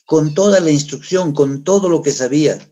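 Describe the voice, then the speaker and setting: Middle-aged pastor preaching conversationally. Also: male voice, on the high side, normal speed, mellow. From Peru. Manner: conversational preaching with rhetorical questions. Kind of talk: sermon.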